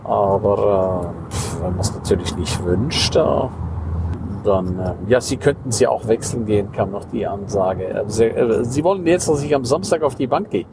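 A man's voice: on the low side, moderate pace, noisy background. A man hosting a casual podcast monologue, ranting indignantly and often ending with tag questions. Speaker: podcast host and coach.

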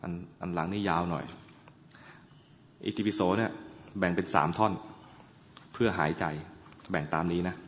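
A man who is a Buddhist monk, giving a dharma talk, chanting in a measured tone and explaining with dry humor. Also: low voice, a little hiss or hum. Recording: dull lo-fi recording in an echoey hall.

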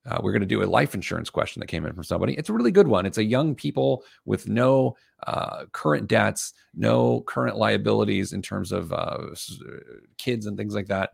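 A man with a hoarse, gravelly voice that is giving out, hosting a casual podcast in a jokey, self-deprecating way. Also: lowish voice, animated, fairly quick, no room sound, clean studio sound. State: losing his voice. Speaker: podcast host.

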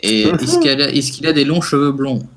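A man's voice: mid-range voice, expressive, a little fast, a bit bright. A man co-hosting a casual chat, hesitant with many restarts and dry jokes. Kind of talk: casual chat among friends.

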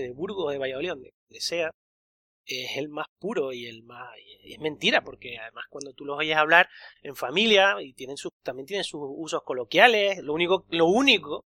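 A man co-hosting a podcast, talking in an animated, opinionated way with frequent restarts. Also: fairly high pitch. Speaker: podcast co-host. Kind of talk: casual conversation.

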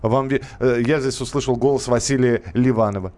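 A man's voice: mid-range voice, steady tone, fairly quick, a little mellow. A man hosting a casual radio show about cars, playful and joking with his co-hosts. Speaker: radio host. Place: radio studio.

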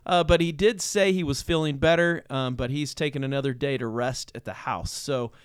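Chatty man with a clear voice. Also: mid-range voice, moderate pace. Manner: relaxed, joking, rambling with fillers. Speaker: pastor and podcast host. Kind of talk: casual chat.

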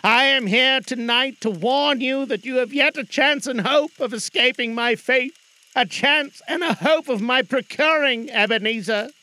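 A man's voice: very high-pitched, a little slow, bright, forceful tone, voice pushed up, heavily acted, low-quality recording. A man voicing a mournful, chained old male ghost who speaks in a solemn, declamatory way.

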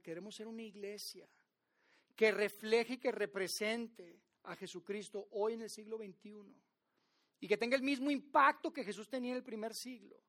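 Man preaching a dramatic sermon. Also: high voice. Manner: dramatic retelling, shifting between loud and hushed. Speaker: pastor.

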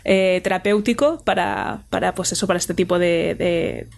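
A woman's voice: lowish voice, normal speed, creaky, a little hiss or hum. A woman co-hosting a casual podcast, speaking with many fillers and restarts. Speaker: podcast co-host.

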